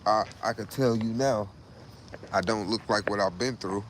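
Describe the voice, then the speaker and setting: Hosting a laid-back livestream, a man in his late thirties rambles with profanity, says "bro" constantly, and repeats himself. He speaks at a moderate pace in a lowish voice, and the rough recording has a little hiss or hum.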